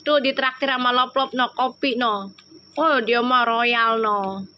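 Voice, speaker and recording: High-pitched woman doing a live tarot reading, slow and bright, jokey. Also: steady tone. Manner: jokey and teasing, bursts into loud laughter; slow, soft-spoken when praying. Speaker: tarot reader.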